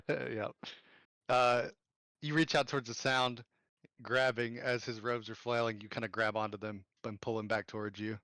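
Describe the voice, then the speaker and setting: A man in a mid-pitched voice narrates as game master for an online tabletop game. His delivery is casual and chatty, full of ums and corrections. The sound is dry and close. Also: level tone, normal speed, pushed and bright, no room sound. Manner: casual, with fillers and self-corrections.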